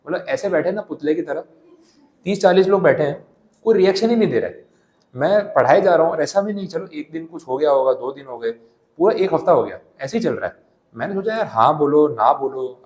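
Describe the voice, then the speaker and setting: A man teaching a classroom lecture, explaining slowly with everyday examples and reading English passages aloud at a slow pace. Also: fairly high pitch, darkish tone, echoey room, poor audio.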